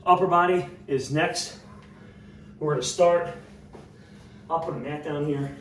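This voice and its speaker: A man coaching an interval workout at home, congested and breathing heavily, giving short cues and clearing his throat often. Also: a little high, measured pace. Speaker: fitness trainer. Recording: roomy, distant, noisy home recording.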